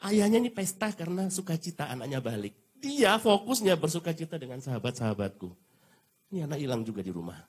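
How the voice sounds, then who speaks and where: Middle-aged male pastor, casual slangy sermon, high and husky. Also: fast. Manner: casual slangy preaching, lively acted-out asides. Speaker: associate pastor. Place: church sanctuary.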